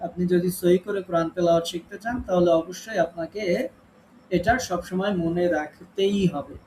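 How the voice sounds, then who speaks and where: A man with a high voice teaches an online class on Quran recitation. He explains step by step and patiently repeats the main rules. There is a faint hiss of noise under his voice. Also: fairly even intonation, moderate pace, darkish tone, poor audio. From Bangladesh.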